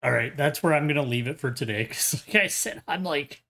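A man's voice: a little high, animated, brisk, vocal fry. A tired man in his thirties chatting casually on a video game livestream. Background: game music.

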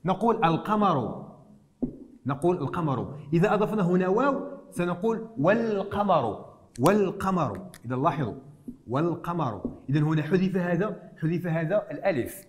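A man from Morocco, teaching a recorded lesson. He talks slowly and deliberately, repeats key words, and fills pauses with "aah". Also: a little high, lively intonation.

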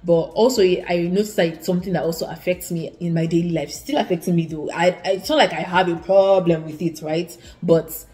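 Her voice is warm and on the low side, fairly quick with few pauses and fairly even intonation. This young adult Nigerian student vlogger, Igbo-accented, gives earnest, casual advice to camera in a living room, often starting sentences over and repeating herself.

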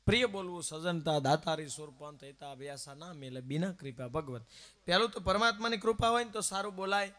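A high-pitched, bright-voiced man tells comic stories from a live temple stage. He moves fast between narration and playful impressions of the people in his tales. His delivery is lively, with a folksy storyteller's pull. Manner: animated comic storytelling, acting out quoted voices. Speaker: folk singer telling jokes between songs.

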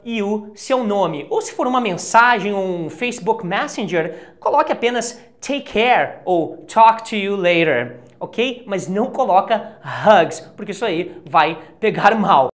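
Brazilian lady english teacher, mid-pitched voice, chatty lesson, goes slow on the example phrases. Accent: Brazilian Portuguese. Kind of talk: casual teaching to camera.

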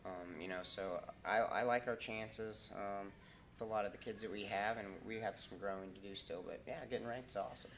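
Wrestling coach in his 30s, lowish voice, lots of ums, faint room hum behind. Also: fairly even intonation, fairly bright tone. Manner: halting, many ums and restarts. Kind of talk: casual interview answers. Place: school wrestling room, indoors.

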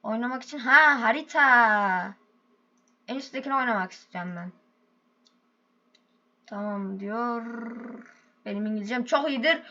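A woman hosting a gaming video, commenting on her play with loud, excitable exclamations and rough slang. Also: a little high, normal speed, long pauses, lo-fi sound.

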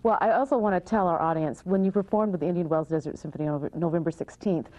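Mellow-voiced woman hosting a talk show. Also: on the low side, fast, rough recording. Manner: encouraging, laughs often, prompting questions. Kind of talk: casual interview chat.

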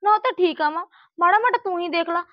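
A woman playing a shrill, quarrelsome married daughter. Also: fast talker, a little hiss or hum. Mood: indignant. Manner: complaining, stirring up quarrels. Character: quarrelsome married daughter visiting her mother. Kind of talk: village family drama acting. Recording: dull lo-fi sound.

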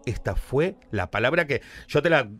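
Flamboyant Rioplatense man, lively pitch. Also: fairly quick, dry recording. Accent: Rioplatense Spanish. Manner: flamboyant, theatrical, jumps into shrieking character voices. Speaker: radio comedian. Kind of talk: comic retelling of a Bible story.

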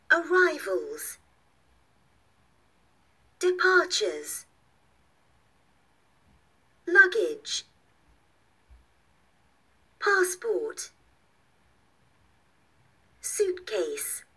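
A woman's voice: fairly high pitch, bright, forceful tone, husky. A woman reading a vocabulary drill one isolated word at a time. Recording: distant playback of lesson audio.

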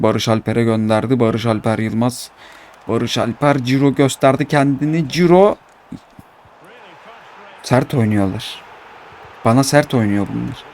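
A man commentating his own football video game match, swinging between calm narration and excited, complaining outbursts. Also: medium pitch. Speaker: gaming YouTuber.

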